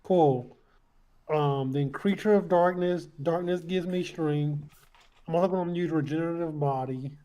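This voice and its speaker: Male tabletop player, fairly high but soft-edged mellow voice, casual. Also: measured pace. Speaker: player in a tabletop role-playing game. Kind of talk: casual game-table talk.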